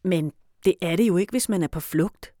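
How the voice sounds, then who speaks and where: Lady doing a whiny hungry little boy in a storybook, stubborn and loud. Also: fairly low pitch, no echo, studio quality, natural voice.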